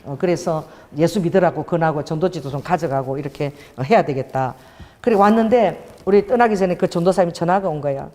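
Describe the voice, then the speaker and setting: A woman pastor preaching a sermon, telling a story with lively quoted voices. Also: low voice, brisk, in a large hall.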